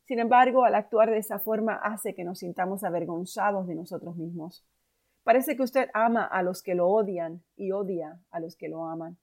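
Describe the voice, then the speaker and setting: A woman's voice: medium pitch, normal speed, darkish tone, lightly acted. A woman voicing a blunt, stern army commander who scolds his king in a Bible story reading. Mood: reproachful. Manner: blunt, reproachful.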